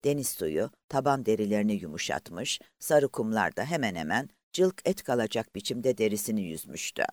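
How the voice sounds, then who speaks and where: A man narrating a novel aloud in a measured, expressive storytelling manner. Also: on the low side, dry recording. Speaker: audiobook narrator. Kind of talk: scripted narration.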